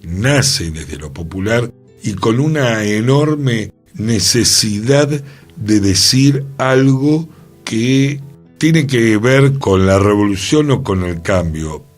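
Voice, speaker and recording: A lowish, expressive male voice takes its time in a radio studio as an Argentine man with a Rioplatense Spanish accent muses thoughtfully and poses questions in a reflective on-air conversation. Faint music plays behind him.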